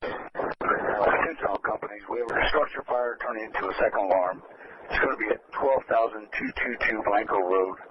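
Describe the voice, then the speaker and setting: A man's voice: on the low side, normal speed, husky. A man making formal, procedural fire dispatch announcements over the radio. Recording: very noisy muffled radio transmission.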